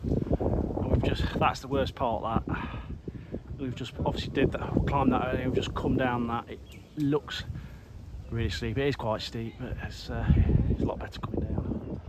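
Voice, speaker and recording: A man's voice: mid-range voice, fairly even intonation, moderate pace. A man breathing heavily as he chats casually to camera on a mountain hike. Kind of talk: casual vlog chat. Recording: very noisy windy outdoor recording.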